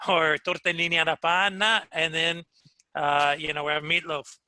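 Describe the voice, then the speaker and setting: Bright-voiced middle-aged male guest. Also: fairly high pitch, little pitch movement, moderate pace, clear, resonant tone, no room sound. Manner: warm, rambling, with frequent fillers and affirmations. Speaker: podcast guest. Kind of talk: casual reminiscing chat.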